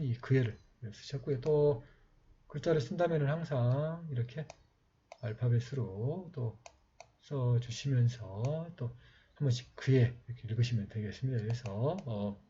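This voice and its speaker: A man giving a slow, patient step-by-step writing lesson, talking while he writes, with many pauses. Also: medium pitch, mellow, breathy edge. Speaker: calligraphy teacher. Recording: slightly dull lo-fi sound with faint noise.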